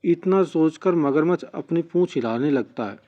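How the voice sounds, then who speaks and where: A man tells a children's fable in a plain, steady way. His voice sits a little high. The recording has a dull, lo-fi sound. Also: normal speed. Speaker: storyteller.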